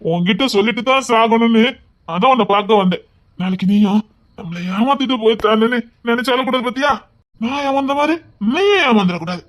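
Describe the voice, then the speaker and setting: A woman's voice: medium pitch, natural voice. A woman doing a drunk heartbroken young man. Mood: tearful. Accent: Tirunelveli Tamil. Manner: faltering, stammering, pleading. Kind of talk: amateur dramatic dialogue.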